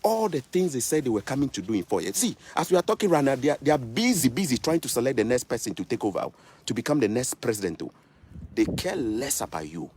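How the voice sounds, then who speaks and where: Standing outdoors in the snow, a vlogger in his thirties with a Ghanaian English accent delivers an impassioned political rant to the camera. His medium-pitched voice is a little mellow and husky, and he fires off repeated rhetorical questions like a preacher.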